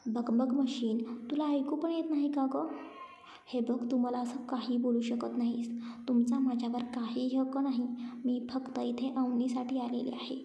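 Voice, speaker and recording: A woman's voice: on the high side, level tone, normal speed, vocal fry, warm tone. A woman voicing a hot-tempered young woman who argues back in a snappy, indignant way. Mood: angry. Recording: roomy, muffled lo-fi recording.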